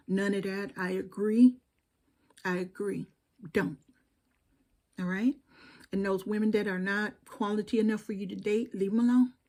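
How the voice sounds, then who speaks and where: A woman's voice: mid-range voice, a little mellow. A middle-aged woman with a Southern accent giving earnest, preachy commentary straight to camera and repeating phrases for emphasis. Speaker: video commentator.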